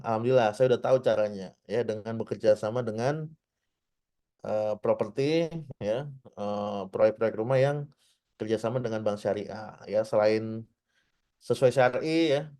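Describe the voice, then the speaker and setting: A man's voice: mid-range voice, a little mellow. A man in his thirties teaching a casual online marketing class, chatty, often tagging his points with little checks and acting out short example dialogues. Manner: frequent "ya" tags, addresses "teman-teman". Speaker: digital marketing trainer.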